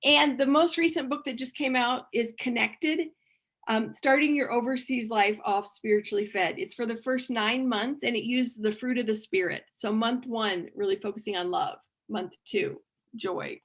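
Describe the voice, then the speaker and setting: Higher-voiced woman giving a workshop talk. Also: normal speed, fairly bright tone, husky. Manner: frequent restarts and repeated words. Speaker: conference speaker. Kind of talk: workshop presentation.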